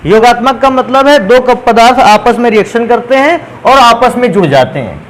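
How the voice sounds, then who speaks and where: A man's voice: very high voice, expressive, moderate pace, a little hiss or hum, rough recording. A man teaching a chemistry lesson in a classroom style, asking questions and answering them himself and addressing students fondly as children.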